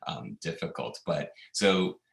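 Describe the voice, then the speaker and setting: A man with a very low yet bright voice chats loosely about a movie, rambling through fillers and half-finished thoughts. The sound is roomy and echoey. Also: animated, slow pace, vocal fry. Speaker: co-host. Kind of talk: casual movie review chat.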